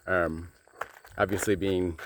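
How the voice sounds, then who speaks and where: Low-voiced American man rambling outdoors. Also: flat delivery, a little hiss or hum. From United States. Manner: rambling, halting, many fillers. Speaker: channel host. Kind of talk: casual vlog update. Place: outdoors on a farm backyard.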